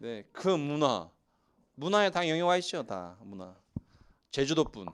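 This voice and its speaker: Guy pastor from seoul, jokey sermon, voice swings up and down a lot, bit high. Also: measured pace, clear, resonant tone. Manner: joking with the congregation, lively asides. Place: church sanctuary.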